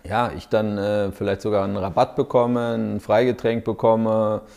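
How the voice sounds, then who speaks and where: Berliner in his forties, low gravelly voice, easygoing interview guest. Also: moderate pace. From Berlin, Germany. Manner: relaxed, many fillers, laughs while telling stories. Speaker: podcast guest, startup founder. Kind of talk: casual interview storytelling.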